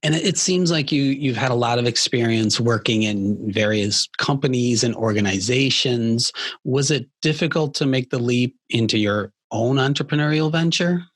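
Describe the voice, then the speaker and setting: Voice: mid-range voice, normal speed, no echo. A podcast host who asks brief questions and backs the guest with short acknowledgements. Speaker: interview host. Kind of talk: podcast interview.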